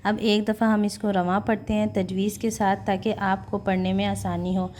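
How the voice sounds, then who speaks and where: A woman teaching Quran recitation. She explains the letters patiently and repeats each syllable, then slowly chants the verses. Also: mid-range voice, little pitch movement, a little mellow, slight background noise. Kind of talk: tajweed lesson, explaining letter by letter.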